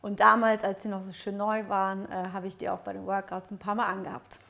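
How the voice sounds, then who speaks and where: A woman's voice: medium pitch, little pitch movement, a little fast, vocal fry, pushed and bright. A young woman from Ukraine, a fitness vlogger, answering viewer questions in a casual, friendly chat with many fillers, on a lapel mic in a living room. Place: bright living room, on a sofa.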